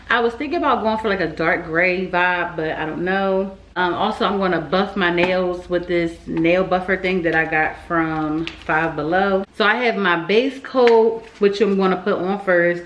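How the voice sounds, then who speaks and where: A woman's voice: medium pitch, a bit bright, dull audio. A woman chatting casually to vlog viewers, her speech slightly slurred from wearing a retainer. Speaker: vlogger. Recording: roomy echo, some background noise.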